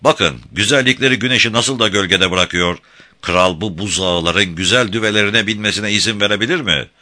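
A man's voice: fairly low pitch, brisk, sharp tone, voice pushed up. A man voicing a boastful, contemptuous tyrant king in an audiobook, bellowing and mocking his subjects. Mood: scornful. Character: roaring proud tyrant king, contemptuous, domineering. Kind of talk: audiobook character voice.

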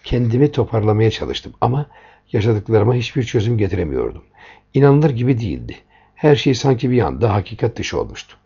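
A man's voice: lowish voice, very animated, a little fast, vocal fry, mellow, husky. A man reading a first-person story aloud in a tense, dramatic way, in a dull lo-fi recording.

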